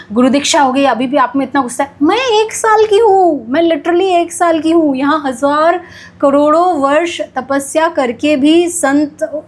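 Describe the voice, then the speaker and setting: A young woman telling a personal story in a casual monologue, animated and self-deprecating, slipping English phrases into her talk. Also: sits high. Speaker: devotional vlogger.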